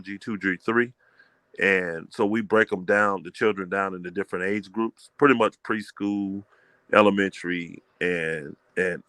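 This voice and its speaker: A middle-aged man with a lowish voice, talking in an emphatic, preacherly way. He keeps checking "you know what I mean" as he explains. The sound is dry and close, with no room around it. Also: sharp tone, dry recording. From Fort Wayne, Indiana, US. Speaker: community elder, homeschool leader. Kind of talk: casual call-in chat.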